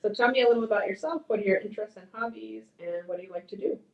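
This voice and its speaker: Quick interviewer in a roomy space. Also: mid-range voice, creaky, muffled recording. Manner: brief, plain questions. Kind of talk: oral history interview questions.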